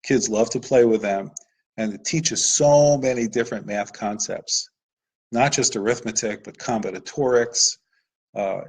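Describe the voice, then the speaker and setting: A man's voice: lowish voice, breathy edge, poor audio. A man presenting a live webinar lesson over slides, explaining patiently with occasional "uh"s.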